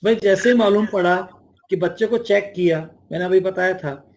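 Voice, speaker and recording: A man explaining an online teaching platform in a lively conversational way, often acting out teachers and students. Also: high voice, normal speed, slight background noise. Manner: enthusiastic, acts out teacher and student lines. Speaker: education platform mentor.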